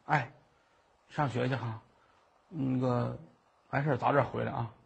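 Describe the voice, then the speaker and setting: A man doing a gentle caring older sister. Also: mid-range voice, steady tone, a little slow, vocal fry, husky, voice pushed down, exaggerated voice. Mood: coaxing. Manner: soft, soothing, coaxing.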